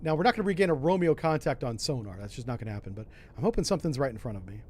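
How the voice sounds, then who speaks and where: A man's voice: medium pitch, animated, rapid-fire, darkish tone, a little hiss or hum. A man doing casual commentary on a submarine game, thinking aloud with mild exclamations. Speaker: gamer, host.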